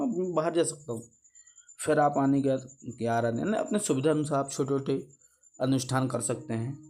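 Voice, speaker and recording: A man's voice: mid-range voice, a little mellow. A man giving a devotional advice talk as a spiritual teacher, explaining patiently and earnestly, repeating phrases and asking himself questions before answering them.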